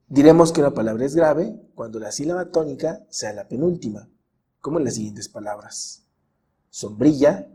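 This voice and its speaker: A man narrating a scripted grammar lesson as a teacher, in a measured way, drawing out the example words slowly. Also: medium pitch, dark tone, breathy edge. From Mexico.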